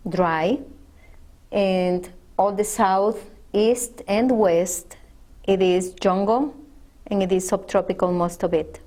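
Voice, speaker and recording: Slow-speaking Mexican-born woman. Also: mid-range voice, fairly even intonation, warm tone. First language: Spanish. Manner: slow, thoughtful, with pauses and fillers. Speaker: interviewee. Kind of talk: unscripted interview answers.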